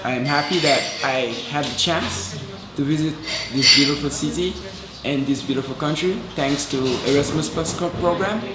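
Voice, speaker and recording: A man's voice: fairly high pitch, moderate pace, heavy background noise. A man from France, speaking carefully and searching for words in a casual interview. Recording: echoey room with crowd behind.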